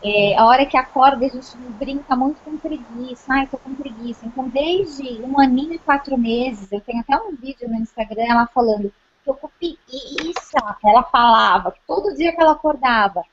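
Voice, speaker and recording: A woman's voice: high-pitched, brisk, hardly any pauses. A young pregnant Brazilian woman with a Brazilian Portuguese accent, chatting on a parenting panel in a personal, talkative way full of tag questions. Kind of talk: casual panel chat. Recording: muffled, slightly noisy recording.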